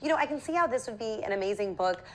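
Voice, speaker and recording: A woman's voice: on the high side, lively intonation, very fast, fairly bright tone. A middle-aged woman hosting a morning TV show, interviewing a guest and wrapping up the segment.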